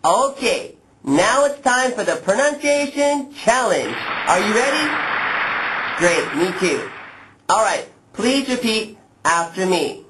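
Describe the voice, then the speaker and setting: Male language teacher, lively pitch swings, slow and exaggerated modeling for learners to repeat. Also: heavy background noise. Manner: slow, exaggerated speech modeling, deliberate and instructional. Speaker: pronunciation teacher, lesson host. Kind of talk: instructional lesson to camera, addressing learners.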